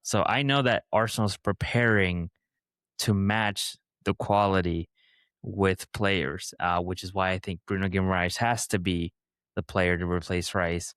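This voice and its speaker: A man's voice: deep voice, fairly even intonation, measured pace, a bit bright, clear, resonant tone, no echo, studio quality. A man co-hosting a casual football podcast, rambling and thinking aloud with fillers. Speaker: podcast co-host.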